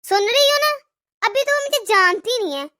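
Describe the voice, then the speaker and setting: A woman's voice: very high-pitched, lively intonation, moderate pace, bright, forceful tone, exaggerated voice. A woman voicing a bossy, vengeful old mother-in-law in a cartoon who groans and scolds. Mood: threatening.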